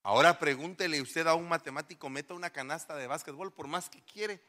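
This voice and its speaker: A middle-aged man preaches a lively sermon, throwing rhetorical questions at his congregation. His voice sits a little high and rings bright and forceful. The church around him adds a long, trailing reverb. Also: a little fast. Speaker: pastor. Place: church hall.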